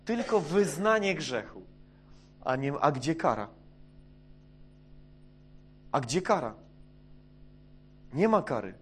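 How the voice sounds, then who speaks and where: A man preaching a sermon, hesitant with many fillers, dropping to a hush and then rising loud. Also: fairly high pitch, big pitch swings, slow, long pauses, husky.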